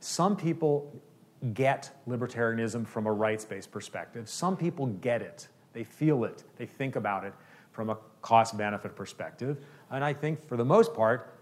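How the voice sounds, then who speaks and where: Man answering questions in a lecture. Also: medium pitch. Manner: explanatory, uses "okay?" often.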